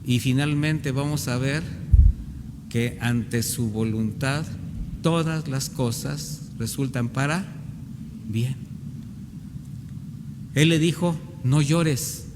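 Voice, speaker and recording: A man's voice: medium pitch, takes it slowly, pauses often. A male pastor, delivering an earnest sermon in church and acting out the voices of doubting believers. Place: church hall. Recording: reverberant church hall, faint background noise.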